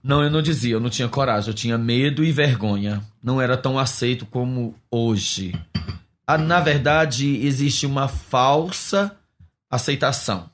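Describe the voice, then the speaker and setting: A man's voice: mid-range voice, normal speed. Earnest male pastor recalling his past. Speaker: pastor, interview guest. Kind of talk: interview testimony.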